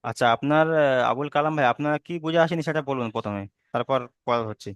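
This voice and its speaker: A man's voice: medium pitch, fast talker, smooth, no room sound, highs cut off. A man teaching Quran recitation rules online, patiently repeating each rule and checking that students understand. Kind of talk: online tajweed lesson.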